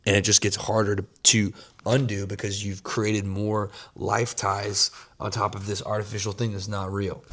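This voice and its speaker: A young man vlogging about emotional growth, talking fast and earnestly in rambling, repeated phrases, caffeinated and fasting. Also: fairly low pitch, level tone, a bit bright. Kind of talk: unscripted talk to camera.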